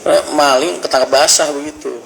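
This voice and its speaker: A man's voice: fairly high pitch, steady tone, a little fast, creaky, crowd noise, low-quality recording. A young man chatting casually and teasing his companions. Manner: joking, banters in a Jakarta-slang and Javanese mix. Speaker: vlogger. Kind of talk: casual chat.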